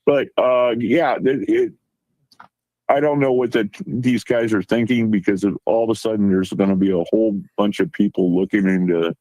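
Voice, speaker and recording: A man's voice: fairly low pitch, fairly even intonation, moderate pace, dark tone, no room sound, rough recording. A man guest chatting casually, telling a rambling anecdote and acting out the quoted lines. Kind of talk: casual chat.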